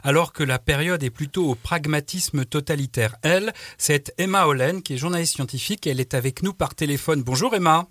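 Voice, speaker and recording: A man hosting a radio interview, speaking haltingly with frequent hesitations. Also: fairly high pitch, a bit bright, no room sound. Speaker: radio host.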